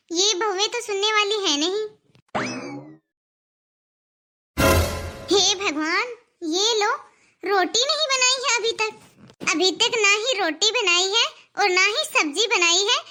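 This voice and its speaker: A woman plays a fussy old mother-in-law in a cartoon who keeps scolding her daughters-in-law. The voice is squeaky and extremely high, with a bright, piercing edge. She sounds exasperated and complaining. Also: heavily acted. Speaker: voice actor for an animated family comedy. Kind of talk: cartoon voice acting.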